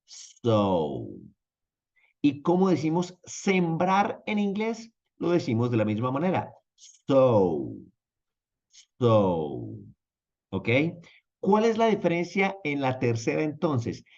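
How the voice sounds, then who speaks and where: A man with a fairly high voice teaches an online language lesson as an English teacher, and the recording sounds muffled. His delivery is lively and drawn-out as he explains patiently and keeps checking in with his viewers.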